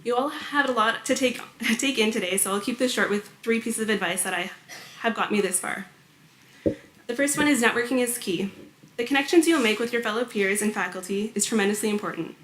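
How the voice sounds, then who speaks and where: A woman's voice: fairly high pitch, fairly quick, a bit bright, slight background noise. A woman from Canada, a graduate student, giving a prepared and lightly humorous speech at an orientation. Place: large hall before hundreds of students. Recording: echoey hall.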